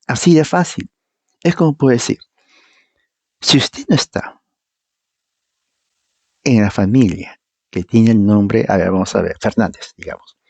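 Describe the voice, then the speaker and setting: A man's voice: fairly low pitch, unhurried, vocal fry, long pauses, a little mellow, husky, no echo. A man preaching an informal teaching sermon in an emphatic, argumentative way, often repeating his points. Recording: dull, muffled dry sound.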